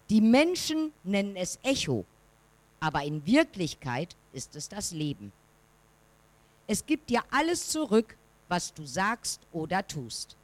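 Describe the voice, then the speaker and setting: Woman, reading a parable aloud, slow, lively pitch, dry sound. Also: no room sound. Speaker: church member reading a story. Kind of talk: read-aloud story.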